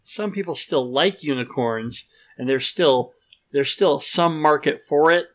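A man co-hosting a casual podcast, reading listener questions and chatting with animated, exasperated reactions. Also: on the high side, measured pace. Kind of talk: casual chat.

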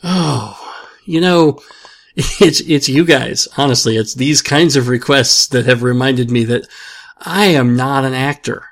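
A man's voice: medium pitch, slow, gravelly. A man hosting a show, answering listener questions in casual chat, rambling and self-deprecating with many restarts.

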